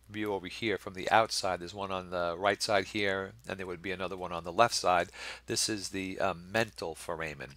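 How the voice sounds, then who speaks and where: Middle-aged male lecturer, very low voice, dry close sound, patient and explanatory. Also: bright, forceful tone, no echo. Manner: explains patiently, often checking with a questioning "right?". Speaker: anatomy instructor. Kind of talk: recorded lecture over slides.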